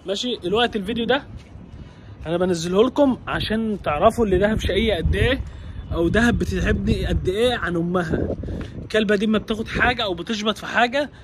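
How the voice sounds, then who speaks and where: Fast-talking Egyptian man, noisy outdoors. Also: sits high. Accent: Egyptian Arabic. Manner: exasperated, pleading and scolding. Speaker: dog vlogger. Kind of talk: casual vlog, chasing his dog.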